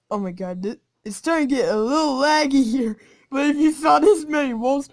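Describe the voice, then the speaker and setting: A woman commentating her own gameplay, giggling and switching between taunting whispers and excited shouts. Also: high voice. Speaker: gaming channel host. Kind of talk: game commentary.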